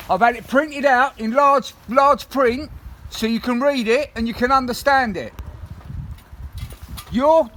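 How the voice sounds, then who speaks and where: High-voiced man, firm and insistent. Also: a bit bright, a little hiss or hum. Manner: firm, insistent, repeats legal warnings. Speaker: property occupier confronting bailiffs. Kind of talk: confrontational recorded exchange.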